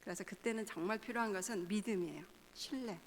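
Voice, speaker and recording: A woman in her fifties, a pastor's wife, giving a parenting seminar at church. She speaks in an animated way, often acting out the lines she quotes and laughing as she talks. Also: mid-range voice, fast talker, slight background noise. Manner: animated, acts out quoted dialogue. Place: church hall. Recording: long hall reverb.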